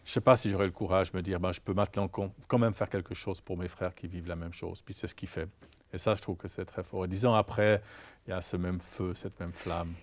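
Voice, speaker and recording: A man's voice: deep voice, steady tone, a little fast. A man speaking as a guest in a studio interview, earnest and hesitant, often repeating words as he talks.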